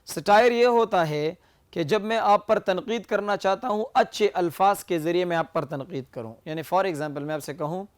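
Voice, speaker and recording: A man's voice: sits high, no room sound. A male teacher with a Pakistani accent, giving a vocabulary lecture and repeating key words as he explains. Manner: explains slowly, repeating words and switching between languages.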